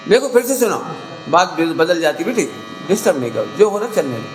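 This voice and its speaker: A man giving a conversational sermon to a gathering, acting out scolding parents and quoted people in a sharp rising voice. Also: a little high, sing-song, a little fast, music in the background. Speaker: Jain preacher. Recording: echoey hall, faint hum.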